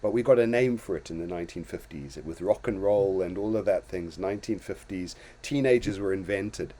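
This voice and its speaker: Hosting a casual talk show, an older man from Zimbabwe reflects on his life in storytelling fashion, restarting often and chuckling softly. He speaks a little fast in a low, warm voice.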